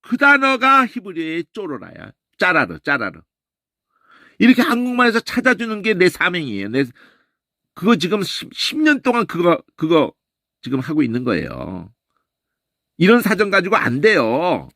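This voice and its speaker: A man teaching a Bible lesson in an animated way, often tossing in a questioning "eh?" and imitating sounds. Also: high-pitched, normal speed, vocal fry, dry recording, clean studio sound. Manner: animated, keeps asking "eh?" and mimics voices and sounds.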